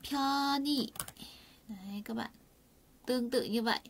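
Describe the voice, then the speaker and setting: A woman teaching a Korean lesson online, chatty and full of fillers, asking her students rhetorical questions and saying words slowly for them to repeat. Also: medium pitch, slight background noise. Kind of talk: online lesson explaining vocabulary and grammar.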